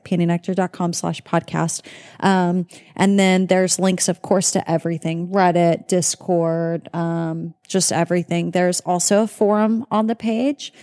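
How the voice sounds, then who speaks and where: Woman podcast host, candid and chatty, freely profane, mid-range pitch. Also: darkish tone. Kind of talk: casual chat.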